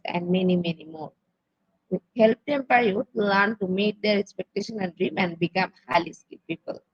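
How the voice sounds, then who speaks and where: A woman's voice: medium pitch, a little mellow, slightly rough, dry recording. A woman from Bangladesh hosting an online webinar, formally reading a scripted introduction of her institute and pacing through long lists. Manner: formal, reads lists in a measured way. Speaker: webinar host. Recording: dull lo-fi dry sound.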